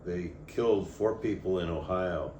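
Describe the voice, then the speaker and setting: Recorded in an echoey space with noticeable background noise, an older storyteller guest speaks in a low-pitched, unhurried, dark voice. His casual reminiscing wanders, falters, and frequently trails off.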